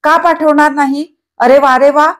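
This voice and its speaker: A woman voicing a lively, stubborn young girl who pleads and turns tearful, in a read-aloud novel. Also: sits high, measured pace, pitched above the performer's own voice. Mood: teasing back.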